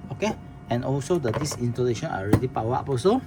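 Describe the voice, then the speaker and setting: A man with a medium-pitched, expressive voice talks fast as he walks viewers through setting up a product. His casual demo is plainspoken, full of restarts and fillers, and recorded in a noisy room.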